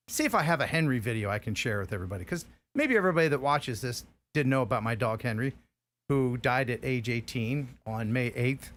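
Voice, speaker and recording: A middle-aged man hosts a live stream, his medium-pitched voice fairly bright. Grieving a lost dog, he chats casually in a rambling, heartfelt way with frequent restarts.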